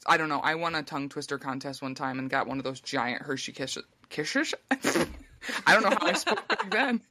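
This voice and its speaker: A woman's voice: low-pitched, expressive, normal speed, background noise. A young woman co-hosting a podcast, giggling often and trading crude, playful banter in a casual chat. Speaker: podcast co-host.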